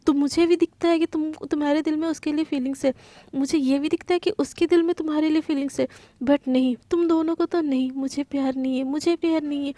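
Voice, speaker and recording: A woman's voice: sits high, fairly even intonation, fast, warm tone, no room sound, close to an everyday voice. A woman voicing a teasing, meddling young woman who needles others and stumbles over her denials.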